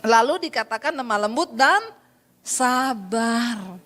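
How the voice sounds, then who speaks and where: High-voiced woman preaching with humor. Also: slow pace, a little hiss or hum. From Sulawesi. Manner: lively, humorous, addresses congregation as saudara. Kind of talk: sermon.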